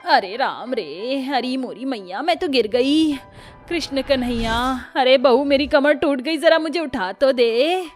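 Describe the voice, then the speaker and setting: A woman voicing a bossy, stubborn older mother-in-law in an animated cartoon story, who wails and complains loudly. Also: a little high, normal speed, soft background music, lightly acted. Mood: wailing, scared.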